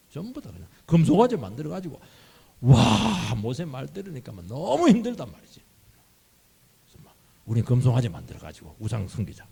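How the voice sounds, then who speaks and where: A man preaching a sermon as pastor, animated, acting out bits of dialogue in changing voices. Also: fairly high pitch, gravelly, husky. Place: church sanctuary. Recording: long church hall reverb.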